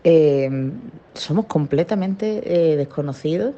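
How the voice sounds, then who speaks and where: A woman's voice: low voice, animated, slow, mellow. Hesitant Andalusian woman on a lo-fi voice message. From Andalusia, Spain. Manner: hesitant, with many fillers. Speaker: listener sending a voice message. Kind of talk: casual voice message. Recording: dull, lo-fi voice message.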